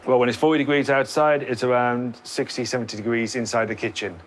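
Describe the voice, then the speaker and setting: British man, mid-pitched, dryly joking cook. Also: little pitch movement, quick pace, a little hiss or hum. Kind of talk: casual interview. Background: music.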